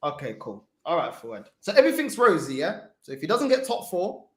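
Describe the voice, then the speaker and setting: A man's voice: fairly high pitch, huge pitch swings, a little fast, roomy sound. A man hosting a football fan call-in, teasing and slangy, chatting casually and reading out comments.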